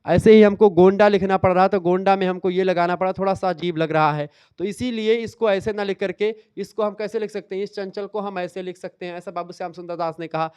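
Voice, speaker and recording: A man's voice: sits high, fairly even intonation, fairly quick, few pauses, a little mellow, smooth, no room sound. A man teaching an exam revision lecture, explaining step by step, repeating key terms and quizzing his students.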